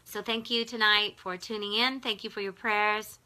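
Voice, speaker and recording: Bright-toned woman guiding a meditation. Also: mid-range voice, fairly even intonation, poor audio. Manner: soft, slow and prayerful, with gentle pauses. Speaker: spiritual teacher leading a guided visualization. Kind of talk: guided meditation. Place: home in the mountains.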